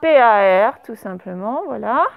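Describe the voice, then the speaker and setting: A woman teaching a primary class, dictating words slowly and spelling them out letter by letter. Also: a little high, expressive, vocal fry, narrow, tinny audio. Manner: slow, over-articulated dictation of words.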